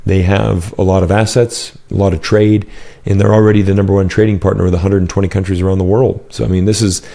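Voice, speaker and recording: Man, from the United States, interview guest, low voice, warm dark tone, explanatory, lots of "you know", boom mic, home office. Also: flat delivery, fast, creaky. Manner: fluent, explanatory, frequent "you know" fillers. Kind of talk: casual interview answers. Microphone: headset and boom mic.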